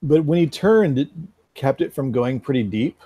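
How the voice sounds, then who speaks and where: A man narrating as game master of a tabletop game, measured and relaxed, with casual fillers. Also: medium pitch, no echo.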